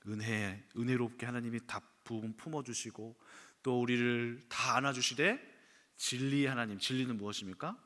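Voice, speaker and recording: A man, a pastor, preaching a sermon with animated storytelling and acted-out quotes. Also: medium pitch. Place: church sanctuary. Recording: long church hall reverb.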